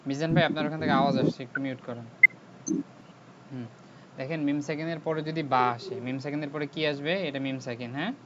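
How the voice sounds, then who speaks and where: Guy teaching quran reading online, kinda high voice, keeps asking the students to say it back, muffled call audio w/ hiss. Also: steady tone, fast talker. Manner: patient, repeats questions for students to answer back. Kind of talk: online class teaching with call-and-response drills. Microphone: video call.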